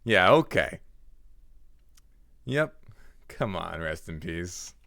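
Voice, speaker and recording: A male livestreamer talking straight into a headset mic, with a dry and close sound and no room around him. His pitch swoops up and down as he reacts to the game and answers his chat. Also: big pitch swings, extremely slow, creaky, sharp tone, no room sound. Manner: chatty, reacts aloud while playing, talks to chat. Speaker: livestreamer and card game player. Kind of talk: live gameplay commentary.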